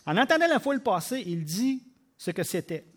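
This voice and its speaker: A man with a Québécois French accent preaching a sermon, emphatic, with loud bursts and quiet drops. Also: sits high, big pitch swings, moderate pace. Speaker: pastor.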